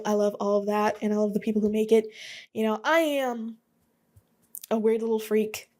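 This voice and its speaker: Rambling through her solo podcast with plenty of fillers, this young Alabama host chats casually. She speaks in a slightly high, darkish voice.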